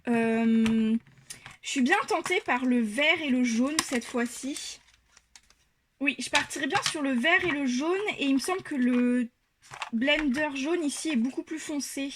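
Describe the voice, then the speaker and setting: A woman's voice: sits high, unhurried, noisy background. A young woman chatting casually about her coloring, explaining step by step with many hesitations. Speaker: coloring vlogger.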